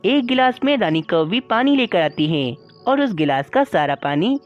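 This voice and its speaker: Lively woman storyteller. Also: medium pitch, moderate pace, highs cut off, soft background music. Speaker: narrator. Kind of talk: storytelling narration for a cartoon.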